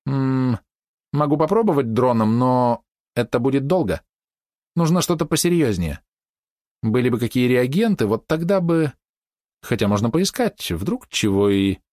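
A man's voice: medium pitch, expressive, normal speed, a little mellow, no echo, clean studio sound, pitched above the performer's own voice, close to an everyday voice. A man voicing a playful, flirty female fox companion in an audiobook, with a cheerful, teasing manner. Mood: musing. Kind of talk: audiobook character reading.

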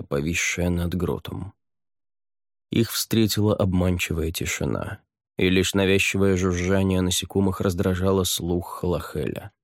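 A man reads fantasy narration in a low, deep voice. The delivery is even and measured. The sound is dry and close, with no room. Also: dry recording. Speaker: audiobook narrator.

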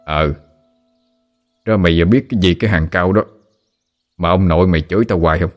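A man's voice: low voice, brisk, soft background music, close to an everyday voice. Man doing a grumbling old Southern Vietnamese dad. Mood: scolding. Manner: scolding, teasing. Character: grumbling old rural father nagging his son.

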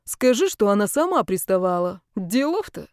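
A woman doing a smooth-talking young guy. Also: mid-range voice, big pitch swings, normal speed, darkish tone, dry recording, studio quality, natural voice. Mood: casual.

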